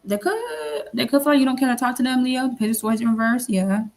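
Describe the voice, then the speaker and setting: Speaking quickly in a slightly high voice, a woman does a casual tarot reading. She rambles, repeats herself, uses lots of fillers and now and then swears casually.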